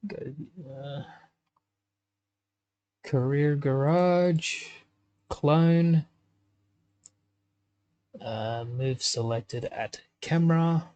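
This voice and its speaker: A man with a mid-pitched voice walks through editing a game map in unhurried, casual commentary. He thinks aloud and fills his pauses with ums while he has the hiccups. Mouse clicks can be heard behind him. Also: darkish tone. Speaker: gaming YouTuber.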